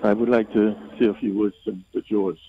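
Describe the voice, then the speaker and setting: A man's voice: lowish voice, flat delivery, a little fast, vocal fry, a little hiss or hum. Man on a muffled phone line. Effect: muffled phone line, hard to hear. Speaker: caller. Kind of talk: call-in radio talk.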